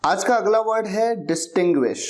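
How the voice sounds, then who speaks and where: A man gives a vocabulary lesson at an unhurried pace. His pitch moves up and down in a lively way. He repeats each example sentence slowly and spells words out letter by letter. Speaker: English teacher.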